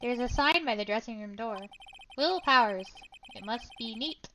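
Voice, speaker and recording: Wry, curious young attorney, bright and light, voiced by a woman. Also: a little high, animated, moderate pace, slight background noise. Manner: casual, wry questioning.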